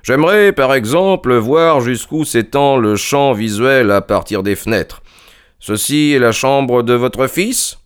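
A man's voice: medium pitch, expressive, unhurried, clean tone, voice pushed up, close to an everyday voice. A man doing a cool, clipped detective in a read-aloud mystery, commanding and precise. His voice is raised a little above his own and set slightly back from the microphone. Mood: polite insistence. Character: sharp, commanding male detective, middle-aged.

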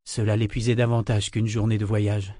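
A man's voice: on the low side, level tone, moderate pace, warm tone, dry recording. Man reading a story, dry sound. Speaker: narrator. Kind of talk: audiobook narration.

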